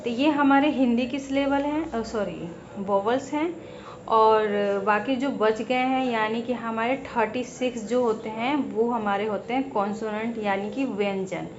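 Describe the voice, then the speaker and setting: Slow high-voiced woman teaching. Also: lo-fi sound, a little hiss or hum. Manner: patient, spells out sounds and self-corrects. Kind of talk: explaining to students.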